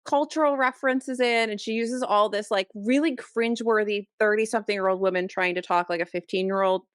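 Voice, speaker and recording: A woman co-hosting a podcast, talking in a fired-up, exasperated rant full of false starts and repeats. She sits close to her mic, and the sound is dry and free of room echo. Her pitch sits in a middle range. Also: brisk, smooth. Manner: animated, exasperated ranting with many restarts. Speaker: podcast co-host. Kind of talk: casual chat.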